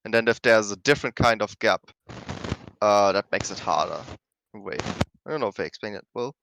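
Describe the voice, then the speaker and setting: A man's voice: on the low side, lively intonation, a little fast, creaky, a bit bright, slight background noise, low-quality recording. A man teaching rhythm game map design in a casual, rambling way, often correcting himself mid-sentence. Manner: rambling, self-correcting, many fillers. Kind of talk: casual explanatory lesson.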